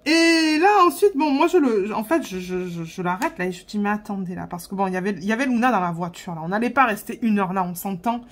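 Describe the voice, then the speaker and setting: A woman's voice: medium pitch, expressive, fast, hardly any pauses. A woman vlogger telling a story in a casual way while she works on a craft, chatty, with frequent laughter and hesitations.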